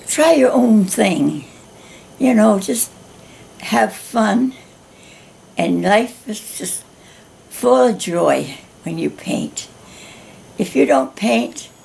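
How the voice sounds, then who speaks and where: Gravelly-voiced woman in her nineties. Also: medium pitch. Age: 90s. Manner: slow, gentle and encouraging. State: losing her voice. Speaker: art instructor. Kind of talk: painting tutorial talk.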